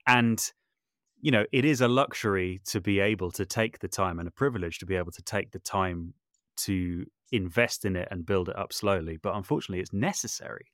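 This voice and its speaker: Low yet fairly bright, the voice moves briskly, captured in studio quality with no room sound. He's a composer and audio drama creator guesting on a podcast, speaking reflectively and often hedging or correcting himself along the way.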